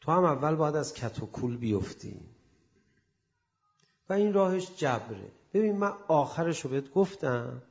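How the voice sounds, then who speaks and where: A man preaching a storytelling sermon, acting out the people in it and swinging from hushed asides to loud emphasis. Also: fairly high pitch, creaky. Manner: animated, acts out quoted speakers. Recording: echoey dull lo-fi room sound.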